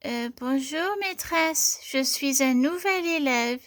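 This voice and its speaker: A woman's voice: high voice, takes it slowly, fairly bright tone, no room sound, studio quality, voice pushed up. A woman voicing a small, eager boy mouse who wants to learn to read, speaking politely and keenly. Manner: polite and keen.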